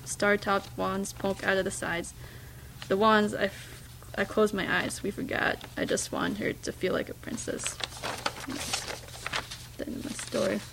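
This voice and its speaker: A woman reading a first-person story aloud, in a hushed, reflective way with small slips and restarts. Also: medium pitch, vocal fry, a little hiss or hum, poor audio. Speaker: reader.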